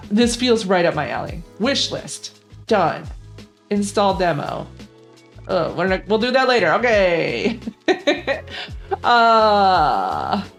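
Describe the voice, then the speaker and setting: A young woman hosting a gaming channel, chatting casually and rambling with lots of fillers about games she likes. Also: fairly low pitch. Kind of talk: casual gaming vlog commentary.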